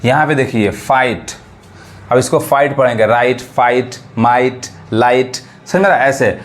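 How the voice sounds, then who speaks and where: A man teaching a pronunciation lesson to viewers, drawing words out slowly and asking if they follow. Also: medium pitch. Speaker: English teacher. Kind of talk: classroom lesson.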